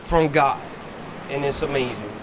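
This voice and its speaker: A man's voice: mid-range voice, measured pace. A man sharing his personal testimony, earnest, on a bench outdoors. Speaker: shelter guest sharing testimony. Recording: outdoor traffic noise.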